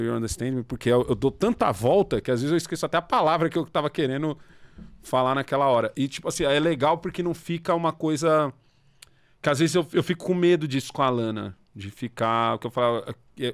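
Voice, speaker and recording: A man casually telling anecdotes and using slang in a relaxed podcast conversation. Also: mid-range voice, fast, dry recording. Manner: chatty storyteller, slangy, tells anecdotes.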